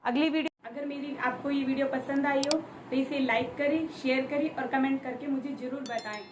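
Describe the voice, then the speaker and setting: A woman's voice: high-pitched, steady tone, normal speed, background noise. A woman teaching young children a lesson, patiently explaining and asking them questions.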